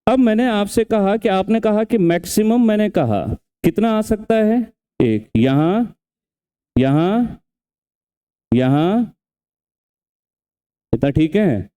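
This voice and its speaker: A man's voice: sits high, lively intonation, takes it slowly, pauses often, mellow, smooth. A man teaching an exam revision class, who keeps quizzing and scolding his students and repeats each step. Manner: questioning, scolding, repeats steps.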